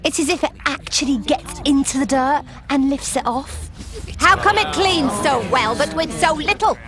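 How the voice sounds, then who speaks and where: An actress playing an excited woman marvelling at a product in television advert dialogue. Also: sits high, normal speed, over music, natural voice. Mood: amazed.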